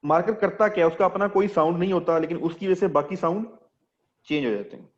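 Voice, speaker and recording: A male teacher with a somewhat high voice leads an online class. He explains each point step by step and keeps quizzing his students. The audio is dull and lo-fi. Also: fast. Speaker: English teacher.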